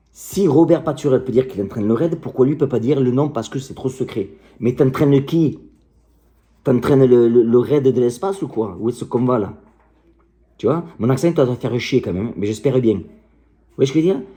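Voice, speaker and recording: A man's voice: mid-range voice, dark tone. A middle-aged man, a martial arts coach, ranting to camera in a combative, passionate and crude way. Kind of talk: direct-to-camera rant.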